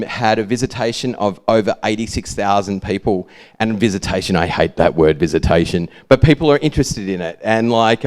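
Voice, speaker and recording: Speaking in a low-ish, clear and resonant voice, an Australian man with a lazy, laid-back drawl gives a rambling, informal talk presenting his own brand's work.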